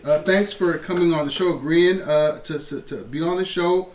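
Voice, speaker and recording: A man hosting a podcast interview, asking questions with halting repeats. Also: a little high, echoey room, recorded from a distance, very noisy. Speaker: podcast host.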